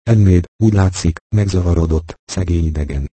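A man reading an audiobook voices a scheming younger brother who speaks softly with feigned sympathy. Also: low voice, no room sound. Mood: falsely gentle. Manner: soft, smooth, feigned sympathy. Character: cold, scheming younger brother, adult man, falsely gentle.

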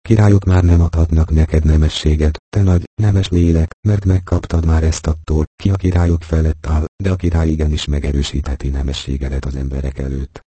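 A man's voice: rumbling low, steady tone, hardly any pauses, mellow, dry recording. A man voicing a proud, indignant boy king who speaks in a solemn, declaiming way.

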